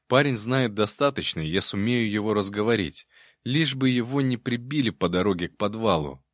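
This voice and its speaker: Low-voiced male audiobook narrator. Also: fairly bright tone, no echo, studio quality. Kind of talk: first-person audiobook narration.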